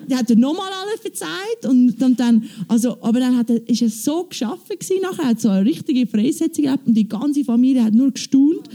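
Woman on stage, dark mellow voice, chatty testimony full of quoted dialogue. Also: on the high side. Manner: animated storytelling, quoting with "ich so, sie so". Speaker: church member giving testimony.

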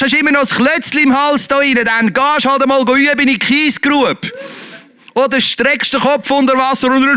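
A man preaching a lively sermon, shifting between loud exhortation and quiet, earnest talk. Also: very high voice, clear, resonant tone, no room sound. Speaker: pastor.

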